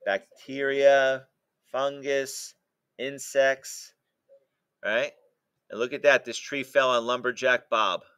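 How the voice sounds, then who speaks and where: Male teacher reading a picture book to the class, stops to explain jokes and ask questions, bright voice, dry close sound. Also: mid-range voice, flat delivery, slow, pauses often, smooth, dry recording.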